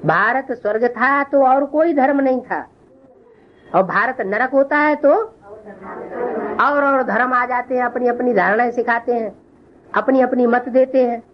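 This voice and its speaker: Lady teaching a spiritual class, keeps asking the room questions, higher voice, kinda muffled recording. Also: measured pace. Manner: questioning, teasing listeners. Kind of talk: religious scripture lesson.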